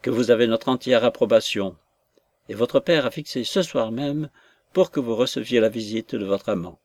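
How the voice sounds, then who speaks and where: A proud, stern older aunt, voiced by a male reader, lays down the law in an audiobook. Her delivery is imperious and scolding, that of a matron quick to fury, read in a medium-pitched voice. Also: a little mellow, lightly acted. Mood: commanding.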